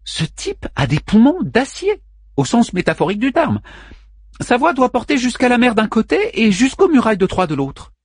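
A man's voice: very high-pitched, very animated, moderate pace, husky, no echo, voice pushed up, heavily acted. A man voicing a small male robot in an audiobook, speaking in a dry, precise, joking way. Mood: wry. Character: small male robot explorer, quick and wry.

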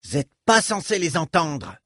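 A man's voice: fairly high pitch, sing-song, moderate pace, bright, forceful tone, no room sound, studio quality, pitched above the performer's own voice, heavily acted. A man voicing a cheeky, greedy street boy in an audiobook, slangy and whining when cornered. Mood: cocky. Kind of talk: audiobook character voice.

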